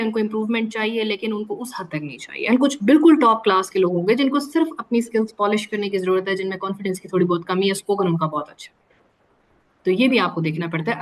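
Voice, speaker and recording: A woman teacher leads an online class over a video call at a middle pitch. She explains things patiently and switches between Urdu and English within a sentence. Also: low-quality recording. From Pakistan.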